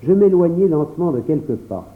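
A man narrates a storybook in the first person, voice moving lively up and down. It sits a little high for a man. The sound is narrow and tinny, as over a phone line. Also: a little fast. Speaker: audiobook reader.

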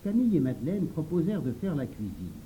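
A man reading a storybook aloud as narrator, in an expressive, lively manner. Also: fairly high pitch, fast talker, a little hiss or hum. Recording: dull, lo-fi.

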